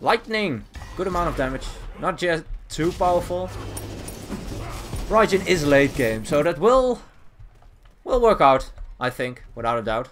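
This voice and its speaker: A man's voice: on the high side, very animated, a little slow, fairly bright tone. Chatty man commenting on gameplay. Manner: casual, chuckling, self-correcting play-by-play. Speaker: gaming channel host. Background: game music.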